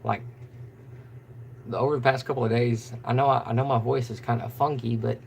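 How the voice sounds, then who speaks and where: Casual male fishing host, gravelly and monotone, rambles on with fillers during a live stream. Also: medium pitch, brisk, a little hiss or hum.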